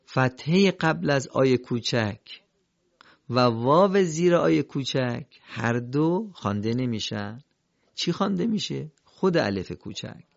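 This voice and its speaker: A man with a gravelly voice leads a recitation lesson, asking questions and answering them himself. His delivery is patient and drilled. The sound is dry and a little dull. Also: mid-range voice, dry recording. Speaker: Quran recitation teacher. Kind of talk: instructional lesson.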